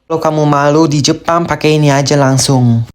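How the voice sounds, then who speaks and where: A voice announcing each topic with short, flat prompt-style lines. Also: medium pitch, brisk, slight background noise.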